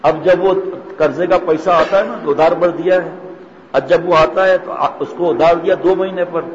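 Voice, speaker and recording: Guy preaching, kinda high voice, acts out little stories, long hall echo. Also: steady tone, a crowd in the background. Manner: storytelling, acts out dialogue. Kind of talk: sermon with anecdotes. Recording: dull echoey hall, faint noise.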